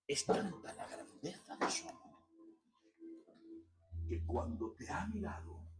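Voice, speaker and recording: A man with a Spanish accent preaching a sermon in a church, fervent, swinging from hushed storytelling to loud shouting. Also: mid-range voice, big pitch swings, slow pace, reverberant, recorded from a distance, low-quality recording.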